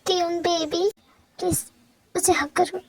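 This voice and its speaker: A woman's voice: very high-pitched, little pitch movement, unhurried, no room sound. A woman voicing a grieving young wife in a fan audio drama, tearful and pleading.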